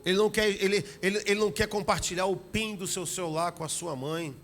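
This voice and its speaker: A middle-aged man with a Rio de Janeiro Brazilian accent preaching a sermon as pastor, animated, acting out little family scenes. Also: high-pitched, quick pace, a little hiss or hum. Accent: Brazilian Portuguese, Rio de Janeiro.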